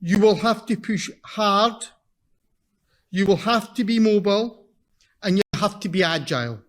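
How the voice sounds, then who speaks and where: A man with a broad Scottish accent giving a conference presentation in a blunt, emphatic, deliberate manner, repeating his key points. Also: high-pitched, fairly bright tone. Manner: slow, deliberate delivery for non-native listeners. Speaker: invited seminar speaker.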